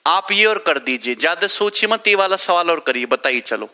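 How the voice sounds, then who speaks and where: A man's voice: fairly high pitch, animated, moderate pace, bright, forceful tone. A male math teacher, leading a live online class, working through sums step by step and teasing students by name.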